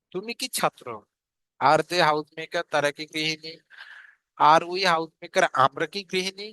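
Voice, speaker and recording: A man teaching a spoken English lesson, slowly repeating English example sentences and then translating them. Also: on the high side, sharp tone, dry recording, poor audio.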